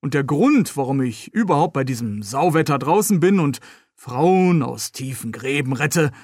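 A man's voice: medium pitch, animated, normal speed, darkish tone, slightly rough, no echo, clean studio sound. A man voicing a young, friendly, helpful man with a dog in a read-aloud novel, cheerful and joking.

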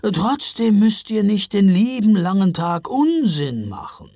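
A woman doing a slow, kindly Father Frost. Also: mid-range voice, sing-song, dark tone, dry recording, clean studio sound, voice pushed up. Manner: slow, friendly.

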